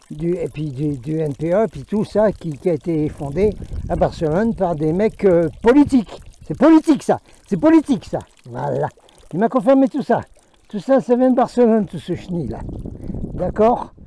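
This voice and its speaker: Middle-aged guy ranting sarcastic outdoors, highish mellow voice, faint hiss behind. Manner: sarcastic, ranting, breaks into mock English. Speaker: vlogger. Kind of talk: rambling outdoor political vlog. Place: outdoors at a mountain pass.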